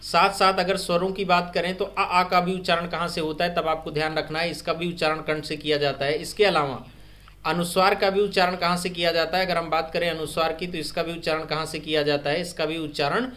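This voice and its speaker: A man teaching a live online grammar quiz, repeating each question and urging viewers to comment their answers fast. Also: a little high, little pitch movement, pushed and bright. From India. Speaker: online exam-prep teacher. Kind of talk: live-stream Hindi grammar quiz lesson.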